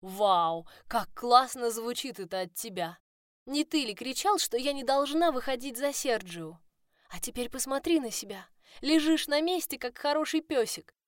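Woman doing a furious young heroine, loud, accusing, dry close sound. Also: on the high side, animated, normal speed, dry recording, pitched above the performer's own voice, lightly acted. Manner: shouting, accusing.

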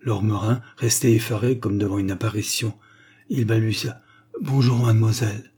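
A man narrates a classic story with measured, expressive pacing. His voice is dark and mellow, with a husky, slightly breathy texture. The delivery is calm and literary, suited to an audiobook reading. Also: fairly low pitch.

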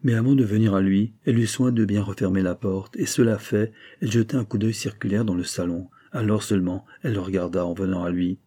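A man narrating a classic novel as an audiobook, in a slow, measured reading style. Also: on the low side, fairly even intonation, dark tone.

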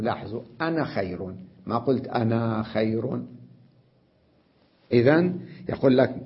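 A man teaching an Arabic grammar lesson, explaining step by step, checking with his students and slowly repeating example words. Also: medium pitch, husky. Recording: dull lo-fi lecture recording.

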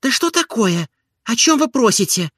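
A touchy, proud young woman as a male reader puts her on, her voice raised well above his own and leaping up and down. She talks quick and lively, flaring up easily. Heard in a dry, close audiobook recording. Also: very high voice, slightly rough, no echo, voice pushed up, full character voice. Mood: flustered. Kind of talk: audiobook character reading.

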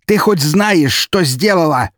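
A man's voice: medium pitch, expressive, normal speed, creaky, breathy edge, dry recording, studio quality, pitched above the performer's own voice, full character voice. A man voicing a cruel, menacing nobleman who snarls harsh threats and drags out his words. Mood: raging. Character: cruel menacing nobleman count, brutal and cold.

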